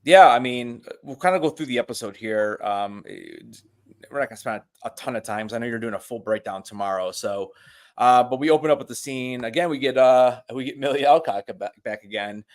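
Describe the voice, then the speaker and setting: A man's voice: mid-range voice, fairly quick. A man hosting a live TV review, thinking aloud tentatively in casual chat.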